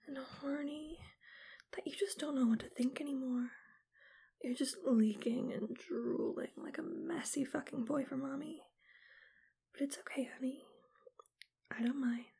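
A woman whispering slowly and teasingly in an ASMR roleplay, right up close to the mic. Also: sits high. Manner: soft breathy whisper, slow and teasing. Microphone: close mic, right at the ear.

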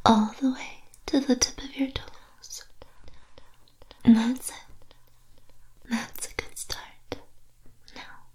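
A woman voicing a flirtatious witch hypnotist in an ASMR roleplay, whispering soft, repetitive coaxing. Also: a little high, rough recording.

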